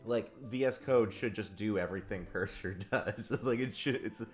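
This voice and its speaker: A man's voice: fairly low pitch, moderate pace, soft background music. A man in casual chat with a developer friend, enthusiastic and swearing freely. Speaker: software developer chatting on a call.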